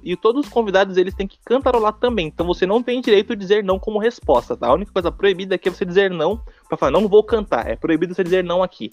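Male podcast co-host, rapid and rambling, self-mocking humor, faint music underneath. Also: sits high, highs cut off. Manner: joking, self-deprecating, fast and rambling. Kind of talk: casual podcast chat.

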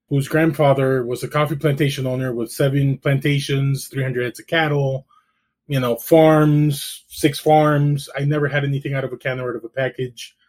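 A middle-aged Salvadoran realtor, appearing as an interview guest, tells his story in an easygoing manner laced with dry, self-deprecating humor. His pitch is medium.

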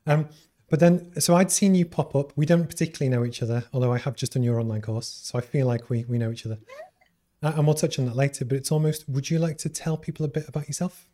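A man's voice: medium pitch, fairly even intonation, fast, dark tone. A man from Liverpool with a light Scouse accent, hosting a live-streamed business interview and rambling with many fillers. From Liverpool, England. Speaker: interview host.

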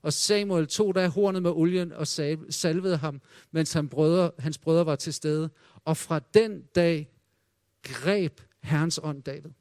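A male preacher giving a sermon, retelling scripture dramatically and dropping to a hush for quoted voices. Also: sits high, dry recording.

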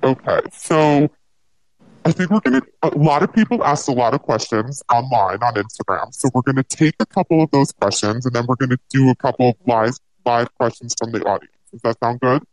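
A host talking through a voice changer that lowers the pitch into a deep robotic tone, chatting casually and upbeat in a live audio interview. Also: a little fast, dry recording, poor audio. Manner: chatty, upbeat, filler-heavy.

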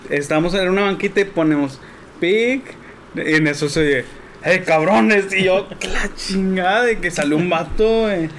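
A man's voice: high voice, moderate pace, a little hiss or hum. A man, a podcast co-host telling a rambling, slang-filled story in casual chat.

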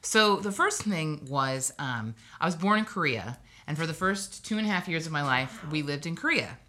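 A woman's voice: deep voice, animated, normal speed, bright, forceful tone. A woman from Hawaii, a guest on a casual podcast, telling personal stories in a chatty, wry way with asides.

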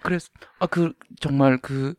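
A man chatting casually as a panel guest, in an unhurried, halting and dryly humorous way. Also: mid-range voice, fairly even intonation, a little mellow, dry recording, studio quality. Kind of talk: casual chat.

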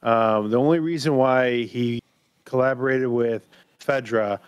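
A man's voice: medium pitch, a little slow, clean tone, dry recording. A man co-hosting a casual review podcast, talking bluntly and swearing casually. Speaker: podcast co-host.

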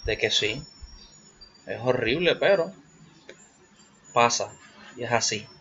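A man's voice: medium pitch, lively intonation, slow pace, fairly bright tone. Young puerto rican guy rambling solo, crude jokes, bit of english thrown in, kinda muffled audio, faint noise behind. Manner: rambling, crude and joking, slips English words into Spanish. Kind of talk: casual solo monologue.

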